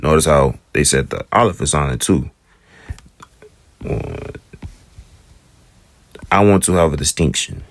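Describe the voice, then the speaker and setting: A man giving a relaxed, rambling lesson on Hebrew letters, slowing down to sound out letters and repeat them. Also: a bass voice, creaky, dry recording. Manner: relaxed, rambling explanations with slow drawn-out sound demonstrations. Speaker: Hebrew teacher. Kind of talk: casual spoken lesson.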